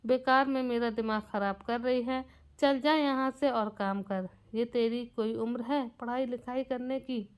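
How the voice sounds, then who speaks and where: A woman's voice: a little high, steady tone, a little slow, smooth, lightly acted. A woman voicing a stern, protective middle-aged mother who scolds her daughter in a curt, firm way while reading a storybook tale aloud. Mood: scolding. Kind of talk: storybook narration with acted quotes.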